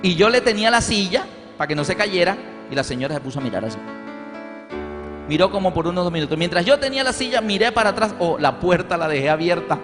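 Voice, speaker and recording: A man preaches in a high, clear register and keeps asking his listeners questions as he tells the story. His voice rings through a long-echoing church hall. Soft music plays faintly underneath. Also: very animated, quick pace. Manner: asks the audience questions. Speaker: pastor. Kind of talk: sermon with storytelling.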